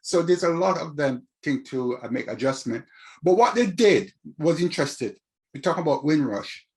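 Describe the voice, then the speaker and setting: A man's voice: fairly high pitch, lively intonation, normal speed, darkish tone. An older man with a Caribbean accent, talking reflectively as an interview guest about his own experience. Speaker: interview guest, community activist.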